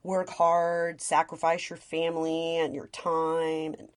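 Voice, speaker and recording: Female co-host, a little low-pitched, curious and conversational. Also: completely flat delivery, takes it slowly. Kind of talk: casual podcast conversation.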